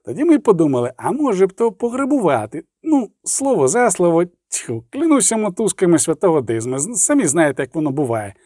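A man's voice: high-pitched, big pitch swings, brisk, hardly any pauses, dark tone, dry recording, studio quality. Man voicing a brash young robber knight. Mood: sheepish. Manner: brash, swears by saints. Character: young snub-nosed male robber knight, cheeky. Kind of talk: audiobook character voice.

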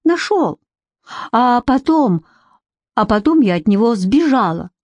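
A woman's voice: fairly high pitch, sing-song, slow, darkish tone, dry recording, lo-fi sound. A woman voicing a weary, defiant young woman. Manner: ironic and cutting, flares into anger.

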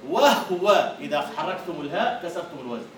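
A fairly high-voiced man with an Egyptian Arabic accent lectures on poetry and meter, recorded from a distance in an echoey room. He stops to explain words, then recites the verses slowly and with weight. A faint hiss stays under the voice. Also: sing-song. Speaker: university lecturer.

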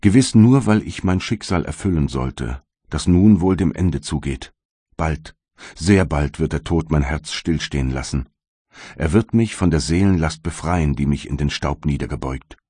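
A man's voice: a bass voice, moderate pace, warm tone, breathy edge, dry recording, clean studio sound. A man narrating an audiobook in the first person with a solemn, anguished delivery. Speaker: audiobook reader.

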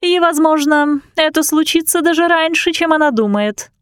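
A woman reading aloud, voicing a shrewd witch who speaks slowly and knowingly, a little grim. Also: high-pitched, lively intonation, dry recording, clean studio sound, pitched above the performer's own voice. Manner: knowing, slow, slightly grim. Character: shrewd, sharp-eyed witch sister Lucinda.

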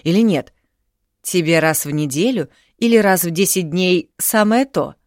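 A woman reading the lines of a coarse, domineering young man in an audiobook, curt and loud. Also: on the low side, animated, moderate pace, no room sound, clean studio sound, voice pushed up, close to an everyday voice. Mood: angry, contemptuous.

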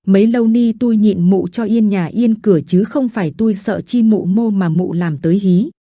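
A woman's voice: mid-range voice, moderate pace, mellow, no room sound, studio quality, close to an everyday voice. A woman voicing a sneering drunken male village teacher. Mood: scornful. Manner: cold, scornful, hissing through teeth.

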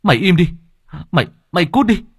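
A man voicing an angry young male villager who shouts at a demon. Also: mid-range voice, very animated, quick pace, breathy edge, no room sound, clean studio sound. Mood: furious. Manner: furious shouting.

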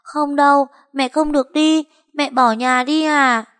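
A woman voicing a small tearful girl who clings and pleads in a high, wailing voice. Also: fairly even intonation, a bit bright. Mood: pleading. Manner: high wailing child voice, drawn-out calls.

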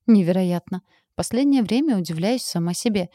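A woman reading a first-person story aloud as an audiobook narrator, in a lively, ironic manner. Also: mid-range voice, fairly quick, no echo, clean studio sound.

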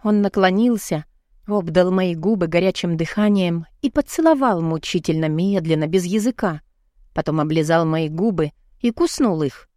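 A woman's voice: lowish voice, normal speed, no echo. Woman narrating a novel, dry close sound. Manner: expressive, rising sharply in the heroine's lines. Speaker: audiobook narrator. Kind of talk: first-person novel narration.

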